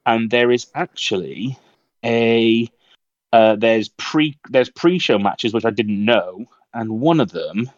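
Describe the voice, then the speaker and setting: A man's voice: mid-range voice, animated, slow, no room sound, highs cut off. A man co-hosting a podcast, telling stories in a chatty, rambling way. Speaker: podcast co-host. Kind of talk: casual chat.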